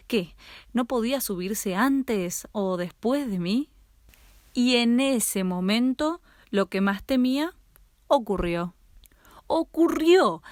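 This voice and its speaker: A woman narrating a first-person story in a dramatic, expressive way. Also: medium pitch, no echo, studio quality.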